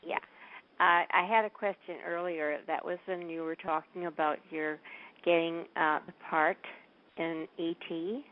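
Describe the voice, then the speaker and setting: A woman in her sixties calling in to a talk show, asking questions hesitantly with many pauses. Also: lowish voice, fairly even intonation. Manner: hesitant, searching for words. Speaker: caller. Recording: tinny phone line.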